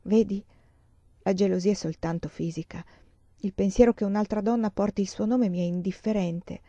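Female reader doing a jilted young woman, pleading and broken, mellow voice, dry slightly dull recording. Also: mid-range voice, fairly even intonation, moderate pace, no room sound, close to an everyday voice. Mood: brooding.

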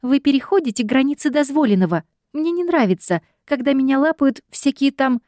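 A woman voicing a feisty young female secretary who protests in shrill outbursts. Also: lively intonation, brisk, darkish tone, no echo, studio quality. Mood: indignant.

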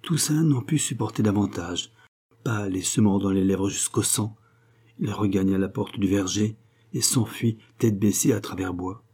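In a measured, expressive audiobook reading, a man narrates a classic novel. His voice is fairly low and slightly rough.

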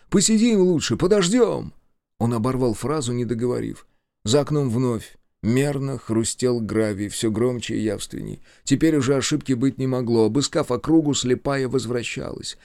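Brief: male narrator, measured story reading, mid pitch, dry. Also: vocal fry, darkish tone, no room sound. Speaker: audiobook narrator. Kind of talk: scripted narration.

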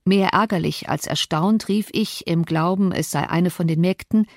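A woman reading a classic novel as an audiobook in calm, measured narration. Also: on the low side, no room sound, clean studio sound. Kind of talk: scripted narration.

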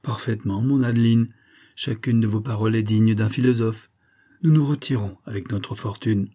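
A man reading the part of a scheming, smooth-talking middle-aged army major, pompous and theatrical, mock-affectionate toward his wife. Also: fairly low pitch, normal speed, warm tone. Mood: mock-tender.

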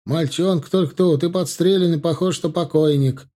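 A man voicing a loud young Russian jäger who shouts urgently in a raised voice. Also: a little high, moderate pace, pitched above the performer's own voice, natural voice. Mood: shouting urgently.

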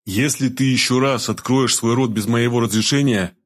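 A man voicing a male security interrogator who talks slowly in a mock-soothing way that hides menace. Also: mid-range voice, close to an everyday voice. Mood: menacing. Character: male security man, coaxing then threatening.

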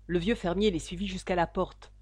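A woman narrating a classic novel aloud in a measured, steady reading voice, close to the microphone. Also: lowish voice, no echo. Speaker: audiobook narrator.

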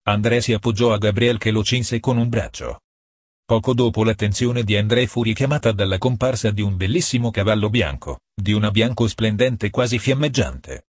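A man reading a story aloud as an audiobook narrator, in a measured way that slows for emphasis. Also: on the low side, dry recording, clean studio sound.

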